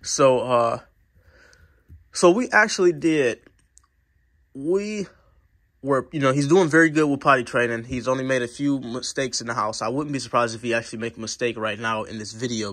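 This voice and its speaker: A man's voice: medium pitch, fairly bright tone. Stuffy-voiced man rambling about puppies. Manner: rambling, lots of fillers and restarts. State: a little stuffy from a cold. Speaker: dog vlogger. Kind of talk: casual vlog talk to camera. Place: at home indoors with a puppy.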